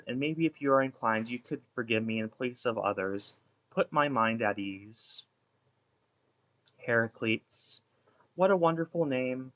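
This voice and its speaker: A man playing a guilt-ridden, imprisoned female ex-baseball pitcher in a wistful, theatrical dramatic monologue that rambles and interrupts itself. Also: fairly bright tone, natural voice. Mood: apologetic, pleading.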